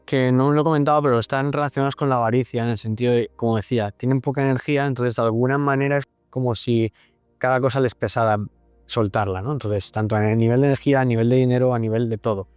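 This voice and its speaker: A man's voice: mid-range voice, darkish tone, clear, resonant tone, dry recording. Man, psychologist host, casual explainer, clean dry voice. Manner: explains patiently with examples and frequent tag questions.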